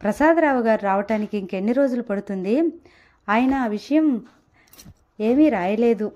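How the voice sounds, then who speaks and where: A woman's voice: a little high, expressive, normal speed, dark tone, muffled recording, natural voice. A woman voicing a lonely, hurt, lovesick married woman who speaks in a wounded, tearful, yearning way, in a story reading. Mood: dreamy.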